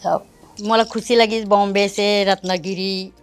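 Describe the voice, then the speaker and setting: A woman's voice: mid-range voice, flat delivery, a little slow. An older woman with a Chhattisgarhi accent, a folk singer talking unhurriedly in an interview, laughing often. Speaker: Bharthari folk singer, guest. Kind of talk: casual interview talk.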